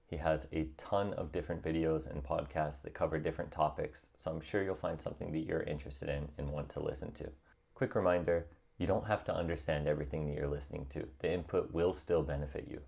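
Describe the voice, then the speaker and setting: A young man calmly and encouragingly narrating a scripted tutorial on learning a language. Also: extremely low pitch, creaky, breathy edge. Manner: calm, encouraging and reassuring.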